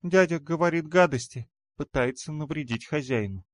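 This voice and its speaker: A man voicing a sleepy, clingy little demon girl made of cloud, in a high childish whine. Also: moderate pace, dry recording, lightly acted. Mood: sulky.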